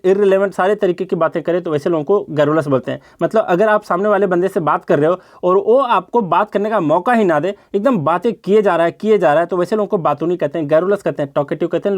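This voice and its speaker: A man's voice: sits high, fast, hardly any pauses. A man teaches vocabulary for competitive exams. He explains each word step by step, repeats terms and keeps asking his students rhetorical questions. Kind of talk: exam-prep vocabulary lesson.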